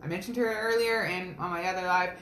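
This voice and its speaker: Young woman author, live-stream chat from her home kitchen; crisp, forward tone, roomy echo off the walls, rambling, upbeat. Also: on the low side, brisk, a bit bright, a little hiss or hum. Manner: chatty, rambling, earnest and upbeat. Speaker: self-published romance author. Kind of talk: casual live video chat to viewers.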